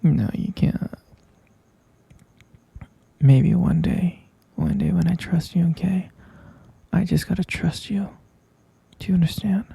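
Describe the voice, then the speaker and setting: Man doing a possessive captor boyfriend, breathy whisper, very husky, slow, coaxing and menacingly sweet. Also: high-pitched, warm tone, no echo, exaggerated voice. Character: possessive obsessive young man keeping his lover caged. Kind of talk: whispered ASMR roleplay.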